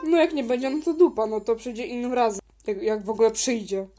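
A woman plays a blunt adult teacher figure in a toy-pet video drama, bossy and crude, who swears freely and trips over her own words. Her voice sits a touch high for a woman. A little music plays faintly behind her. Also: quick pace, warm tone, lightly acted.

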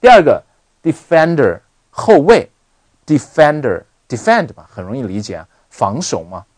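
Male online English tutor, animated delivery with a dry, close mic. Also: mid-range voice, measured pace, no echo. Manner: animated, repeats words for drill. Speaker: English teacher. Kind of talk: online lesson.

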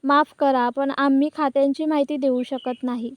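Lady reading out a jittery bank manager guy, begging, high voice, dry sound. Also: steady tone, moderate pace, no echo, lightly acted. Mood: pleading. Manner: retold in the narrator's own voice. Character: panicky male bank manager, pleading.

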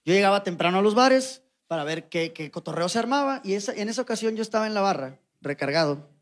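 A young Mexican comedian tells a long story on stage in a high, bright voice. His delivery is slangy and animated, with quick asides and impressions of the people in his tale. He speaks with a Mexican Spanish accent. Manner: slangy, animated, mimics voices in quoted lines. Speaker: stand-up comedian. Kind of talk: stand-up storytelling. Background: audience laughter.

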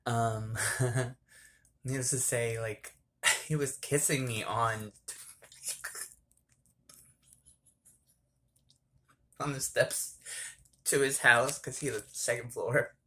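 A man records a casual storytime vlog in a small bathroom. He rambles, restarts his sentences and giggles through the telling. His voice sits at an ordinary middle pitch for a man. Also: steady tone, extremely slow, long pauses, sharp tone. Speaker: vlogger.

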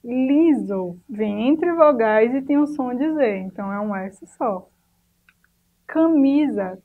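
A woman's voice: a little high, dark tone, poor audio. A woman teacher giving a recorded class to children, patiently stretching out the example words and asking the class questions.

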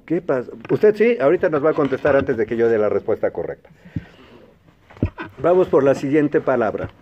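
Mexican man hosting a classroom quiz. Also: fairly high pitch. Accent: Mexican Spanish. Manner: clear, patient, repeats answer options slowly. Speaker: quiz host and teacher. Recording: dull lo-fi broadcast sound.

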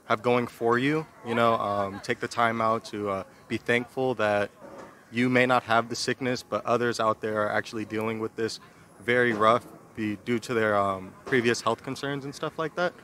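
A young man giving a thoughtful, halting answer in a street interview outdoors, into a handheld mic. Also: medium pitch, steady tone, pushed and bright, a little hiss or hum. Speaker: passerby.

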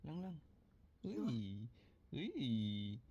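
A woman's voice: a bass voice, huge pitch swings, drawn-out words, mellow, slightly rough, dull audio, pitched below the performer's own voice, exaggerated voice. A woman voicing a playful pet animal that answers back in short barking replies.

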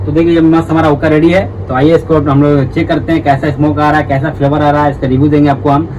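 A man's voice: a little high, flat delivery, fast. Hookah tutorial host, man, repetitive, friendly; distant camera mic, muffled and noisy. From India. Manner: repetitive, chatty, addresses viewers as brothers. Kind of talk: casual how-to demonstration. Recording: distant, dull audio with background noise.

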